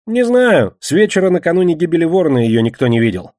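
A man reading an audiobook voices an excitable, defensive young man in a high, nervous register. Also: fast, dry recording, studio quality. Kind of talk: audiobook character voice.

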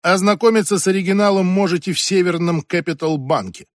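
A woman's voice: on the low side, brisk, dry recording, clean studio sound, voice pushed up, close to an everyday voice. A man reading an audiobook and voicing a strict, imperious ex-senator in her eighties who talks in a commanding, impatient way. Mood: lecturing. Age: 80s. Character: strict imperious old woman, former senator.

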